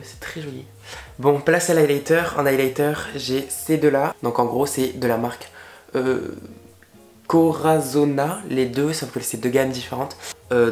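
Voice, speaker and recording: A young man chatting through a makeup tutorial at home, gushing excitedly over the products with casual slang. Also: medium pitch. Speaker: makeup vlogger. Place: indoor room at home, facing a window. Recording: roomy echo.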